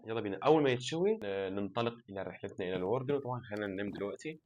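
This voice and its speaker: A gaming channel host with an Egyptian Arabic accent gives let's-play commentary to his viewers in a lowish, racing voice. He's tired and has a sore throat, yet sounds chatty, excitable, and exasperated, and the recording is muffled.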